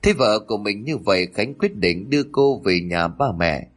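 A man's voice: fairly low pitch, expressive, moderate pace. A man narrating a dramatic family story in scripted storytelling.

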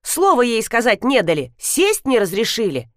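A woman's voice: fairly high pitch, huge pitch swings, moderate pace, a bit bright, dry recording, clean studio sound. A woman voicing a flustered young female event organizer who chatters shrilly and pleads, in an audiobook reading. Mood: scolding.

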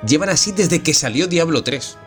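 A man's voice: fairly high pitch, lively intonation, normal speed, a bit bright, soft background music. A man who is a longtime regular on a casual podcast, ranting and swearing freely. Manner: profane, ranting.

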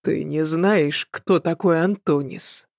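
A woman's voice: low-pitched, takes it slowly, creaky, no echo, studio quality, exaggerated voice. A woman reading a sly, wary young apprentice. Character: sly young male apprentice, guarded and feigning.

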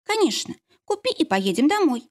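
A woman voicing a young pregnant woman, joyful and tearful, in a high excited voice. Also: moderate pace. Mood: coaxing.

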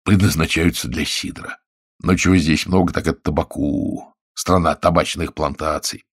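Scheming stout husband read by a man, deep, husky, hushed and secretive, audiobook. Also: steady tone, moderate pace. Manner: hushed, conspiratorial, often half-whispered.

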